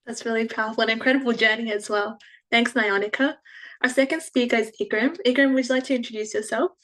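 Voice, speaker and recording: A woman's voice: on the high side, steady tone, fast talker, a bit bright. A young woman moderates an online panel, introducing speakers in an encouraging way. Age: young adult. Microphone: online video call.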